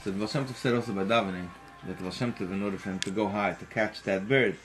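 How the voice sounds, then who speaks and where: A man teaching a Torah lesson through an animated story and acting out its characters. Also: lowish voice, fast, over music. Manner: animated, acts out the characters, rises to emphatic peaks.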